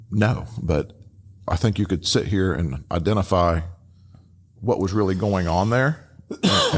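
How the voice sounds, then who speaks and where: A podcast host with a low voice offers loose, unscripted commentary in a halting manner, repeating words and tossing in casual asides.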